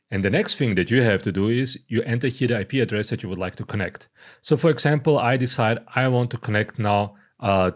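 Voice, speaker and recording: A man from Croatia, speaking English, walks through a setup step by step and checks in with "okay?" and "you know". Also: fairly low pitch. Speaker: product presenter. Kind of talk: casual screen-recorded tutorial.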